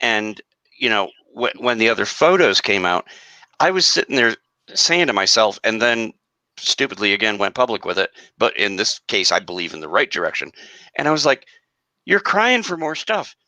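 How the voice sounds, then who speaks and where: A man talking on a casual live-stream panel in an animated, emphatic way, with some self-deprecating humour. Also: lowish voice, moderate pace, dry recording, poor audio. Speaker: panel guest.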